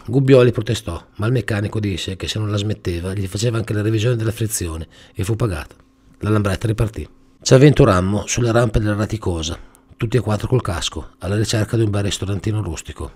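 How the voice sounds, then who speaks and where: A man hosting a show, reading a comic story aloud in a dry, even manner. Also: fairly low pitch, fast, slightly rough. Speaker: storyteller host.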